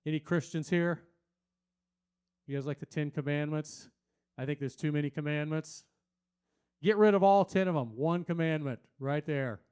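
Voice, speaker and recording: A comedian on a small venue stage does a crude, rambling stand-up set, speaking to the crowd and adopting loud, silly voices for quotes. His clean voice is a little high, at normal speed, with long pauses.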